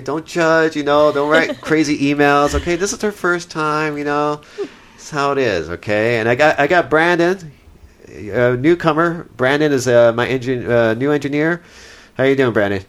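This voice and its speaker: A man in his thirties hosting a podcast, chatting casually and rambling with frequent laughs. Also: moderate pace. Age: 30s. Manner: rambling, laughing, animated with big pitch jumps. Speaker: podcast host.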